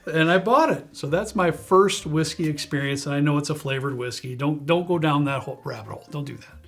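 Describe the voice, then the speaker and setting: A middle-aged man hosting a casual bourbon chat, telling his stories with emphatic, drawn-out phrases. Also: on the high side, vocal fry, faint music behind. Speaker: bourbon show host.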